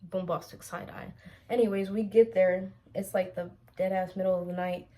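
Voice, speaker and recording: Young woman telling a storytime vlog, kinda monotone, mellow low voice, lots of ums and likes. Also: fairly quick, a little hiss or hum, low-quality recording. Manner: rambling, full of "um" and "like". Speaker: storytime vlogger. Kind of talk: casual storytelling to camera.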